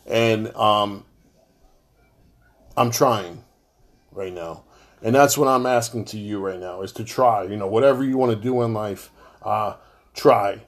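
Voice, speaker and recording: A man's voice: lowish voice, measured pace, pauses often. A middle-aged man, talking straight to his fans in a personal monologue, blunt and heavy-hearted, swearing freely. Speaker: show host talking to fans.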